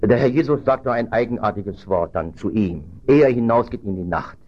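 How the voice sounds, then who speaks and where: Earnest German-speaking preacher, dull recording. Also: male voice, fairly quick. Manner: earnest, swings from low and quiet to loud and high for emphasis. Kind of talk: sermon.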